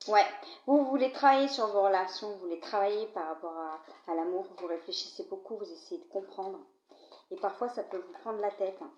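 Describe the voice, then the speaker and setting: A brisk, darkish-toned woman with a cold and a cough reads tarot-style cards to camera. She talks to the viewer in a conversational way, regularly checking in with "d'accord?". The recording sounds quiet, dull and roomy, like it was made at home.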